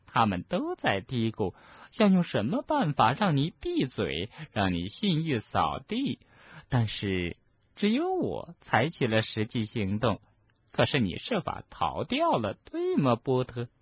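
A man voicing a cruel middle-aged witch official in an audiobook, speaking slowly, softly and with menace in a husky voice. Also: mid-range voice, wildly swooping pitch, no room sound, highs cut off, voice pushed up, heavily acted. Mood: gloating. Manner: slow, soft and menacing. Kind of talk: audiobook character reading.

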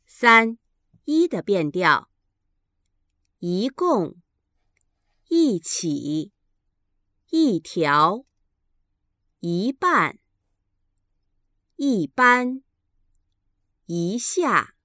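A woman reading textbook pronunciation drills, enunciating each word carefully with a pause between them. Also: medium pitch, very animated, bright, forceful tone, no echo, clean studio sound. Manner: carefully enunciated, each syllable held apart. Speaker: language teacher reading drills.

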